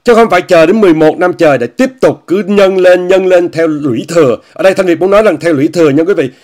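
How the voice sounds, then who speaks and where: A man delivers a casual commentary monologue in a somewhat high voice. He speaks straight to his viewers, repeats his phrases and mocks what he discusses. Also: quick pace, darkish tone. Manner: repetitive, often repeats phrases and says "quý vị" often; scornful, mocking tone. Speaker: commentator hosting an online talk show.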